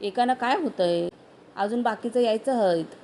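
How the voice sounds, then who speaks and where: A woman's voice: fairly high pitch, moderate pace, darkish tone, slight background noise, close to an everyday voice. Woman voicing a timid village peon man. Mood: coaxing. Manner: rural dialect, coaxing. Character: male village peon, hesitant and dutiful.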